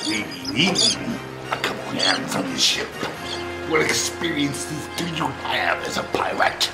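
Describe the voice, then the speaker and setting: A gruff old seafaring pirate captain, gravelly and commanding. His pitch swings widely as he blusters in a slow, theatrical growl. The sound is roomy, with loud music underneath. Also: big pitch swings. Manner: stock pirate talk with growled arrs.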